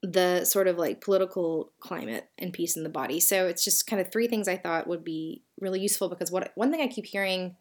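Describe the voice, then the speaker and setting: A woman's voice: on the low side, brisk, few pauses. A woman with a Southern US accent hosting a solo podcast, talking in a chatty, reflective way with frequent fillers and self-corrections. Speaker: podcast host.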